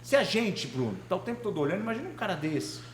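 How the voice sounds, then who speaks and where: A man's voice: high voice, big pitch swings, quick pace. A man with a Brazilian Portuguese accent co-hosting a podcast, chatting about football in a conversational way and often asking questions. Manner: conversational, asks questions, many fillers. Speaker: podcast co-host. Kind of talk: casual sports chat. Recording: echoey room with faint background noise.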